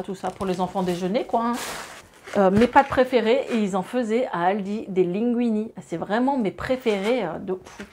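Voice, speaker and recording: A woman in her thirties from France, chatting casually to camera about her groceries, lively with many fillers and asides to viewers. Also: mid-range voice, slight background noise. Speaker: grocery haul vlogger and mother.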